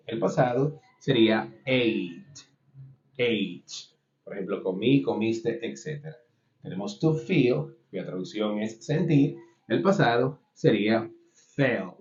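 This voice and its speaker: A man's voice: on the low side, a little mellow, slight background noise. A man teaching an English lesson in Spanish, working through a verb list and repeating each English word. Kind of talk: explanatory online lesson. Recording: roomy, dull lo-fi sound.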